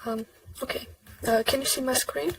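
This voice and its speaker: A woman giving a prepared academic presentation over a video call, with a halting, deliberate delivery. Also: high-pitched, fairly even intonation, creaky, fairly bright tone, slight background noise. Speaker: conference presenter. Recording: distant mic on video call.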